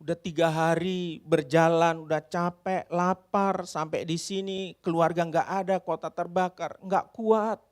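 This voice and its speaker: A man's voice: fairly high pitch, fairly even intonation, measured pace, few pauses, voice pushed down, close to an everyday voice. A male preacher voicing worn-out soldiers who complain they are too tired and hungry to continue. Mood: weary. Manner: weary, complaining. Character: exhausted worn-out soldiers giving up.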